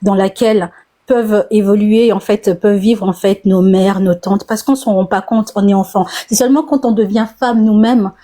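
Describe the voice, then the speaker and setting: Forties woman, mellow voice, chatty caller, hesitant restarts. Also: mid-range voice, steady tone, moderate pace. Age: 40s. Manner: hesitant, repeats words, then tells at length. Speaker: caller on a live talk. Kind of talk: casual personal testimony.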